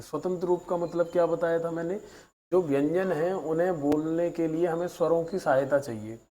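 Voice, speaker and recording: A man's voice: fairly high pitch, dark tone, poor audio. A man teaching a grammar class to students, patiently going over each point and stretching out vowel sounds to show them. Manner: patient, explains slowly and drags out vowel sounds as examples; mixes in English words. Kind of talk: recap lesson for students.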